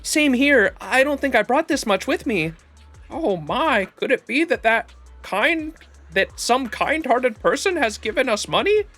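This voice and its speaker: A man's voice: very high-pitched, sing-song, measured pace, sharp tone, faint music behind, voice pushed up, exaggerated voice. A man voicing astonished, grateful townsfolk in a video game, exclaiming. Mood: amazed. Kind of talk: reading game dialogue aloud.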